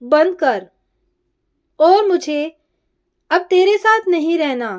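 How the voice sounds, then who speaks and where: A woman's voice: very high voice, lively intonation, slow pace, full character voice. A woman voicing an angry older mother-in-law who scolds in a raised voice while reading a story. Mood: angry, scolding.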